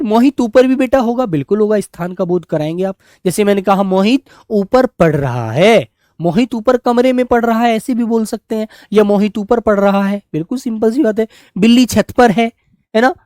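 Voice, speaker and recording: A man teaching an online grammar class, speaking slowly and repeating his points as he coaxes his pupils along. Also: high-pitched, a little mellow, no echo, studio quality. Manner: drawn-out, repetitive, coaxing tone toward pupils.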